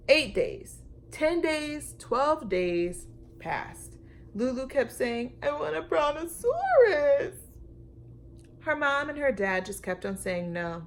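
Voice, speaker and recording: Reading to children in a teacherly way, this woman is expressive and emphatic, pausing dramatically and posing questions to her young audience. She has a fairly high pitch, and there's slight background noise.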